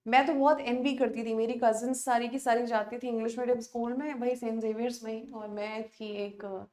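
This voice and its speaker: High-voiced woman teaching English in Hindi. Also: steady tone, fairly quick, darkish tone, roomy sound. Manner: mixes Hindi and English, coaxing and chatty. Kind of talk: online class lecture.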